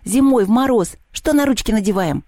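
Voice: medium pitch, expressive, brisk, dark tone, no room sound, studio quality, pitched above the performer's own voice, lightly acted. A reader voicing an old male house spirit who talks in a folksy, kindly, old-fashioned way.

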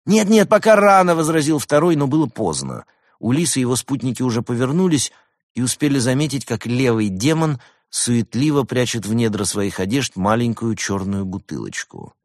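A man's voice: mid-range voice, big pitch swings, moderate pace, darkish tone, no room sound, studio quality. A man narrating an audiobook story expressively.

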